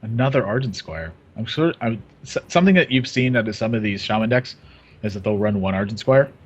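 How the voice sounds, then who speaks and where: Husky guy casting a card game match, talks super fast, upbeat. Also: fairly low pitch, animated, highs cut off. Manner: quick, upbeat play-by-play. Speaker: esports commentator. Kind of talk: live game commentary.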